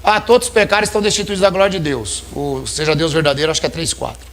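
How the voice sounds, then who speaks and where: A man's voice: on the high side, fairly even intonation, fast talker, a bit bright, slight background noise. A man preaching a sermon in a church, talking conversationally and calling his listeners brothers.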